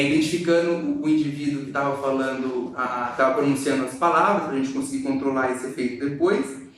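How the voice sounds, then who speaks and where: Man presenting a seminar in an echoey room. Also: fairly high pitch. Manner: explanatory, hesitant with fillers. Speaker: student presenter. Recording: echoey room, distant mic.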